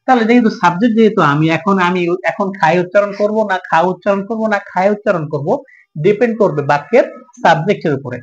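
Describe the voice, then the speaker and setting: A man's voice: sits high, fast talker, lo-fi sound. A man with a Bangladeshi Bengali accent teaching an English grammar lesson, asking questions and answering them himself.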